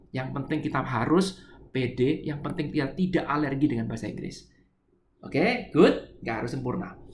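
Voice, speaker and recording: A man's voice: medium pitch, roomy sound, slight background noise. A middle-aged man giving a spiritual lecture, explaining a poem line by line and having listeners repeat words. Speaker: spiritual teacher.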